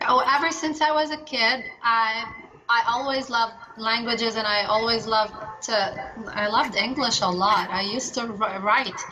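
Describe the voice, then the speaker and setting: Energetic woman translator from Lebanon, fairly high voice, chatty with lots of restarts, noisy recording with clicks. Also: measured pace. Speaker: translator and interpreter. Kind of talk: casual interview answers.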